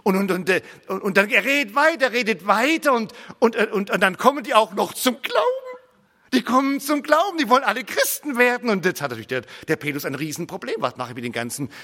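A male preacher telling a story as a sermon in a lively way, acting out characters and speaking straight to his listeners. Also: high-pitched, quick pace, big-room sound. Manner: animated, acts out characters, addresses listeners directly.

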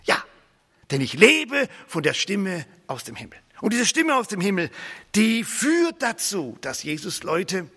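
In a big-room sound, a man preaches emphatically and repetitively, swinging between loud declarations and hushed, near-whispered lines. His voice sits high with huge pitch swings, a breathy edge, and a slightly slow pace.

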